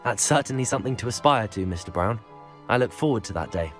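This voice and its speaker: A man's voice: on the low side, expressive, quick pace, faint music behind, natural voice. Man voicing a polite young student. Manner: polite, mild, deferential. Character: polite young male student, new to the school. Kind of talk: video game cutscene.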